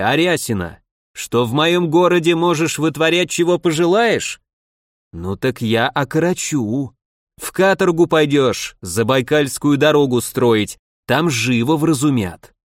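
A man's voice: a little high, animated, a little slow, dry recording, clean studio sound. A man voicing a stern, imperious police chief who scolds and commands, in an audiobook reading. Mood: scolding.

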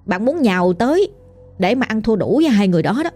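A woman's voice: mid-range voice, big pitch swings, fast, mellow, faint music behind. A woman with a Southern Vietnamese accent narrating a ghost story in a chatty, colloquial way, addressing the listener directly.

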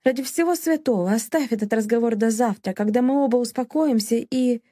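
A woman's voice: a little high, brisk, dark tone, no room sound, clean studio sound, close to an everyday voice. A woman voicing a frightened but defiant young bride who pleads in a tense, upset voice. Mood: взволнованно.

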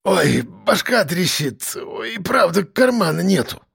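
A man voicing a hungover, whiny drunk man suspected of murder, with a raspy, slurred voice. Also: high voice, very animated, slow, a bit bright, pitched above the performer's own voice, full character voice.

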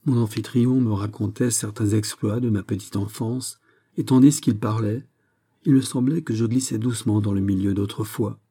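Man, storybook narration, very dark mellow tone, lowish voice, measured reading. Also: steady tone, breathy edge. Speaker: audiobook reader. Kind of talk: literary narration.

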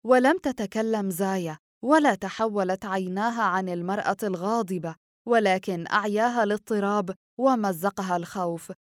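A woman reading a novel aloud as an audiobook narrator, with steady storytelling. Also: medium pitch, normal speed, dry recording, clean studio sound. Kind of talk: scripted narration.

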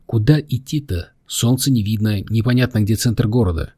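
A man's voice: lowish voice, normal speed, warm tone, husky, dry recording, clean studio sound. A man reading the lines of a blunt, nervous young man in an audiobook. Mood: wry.

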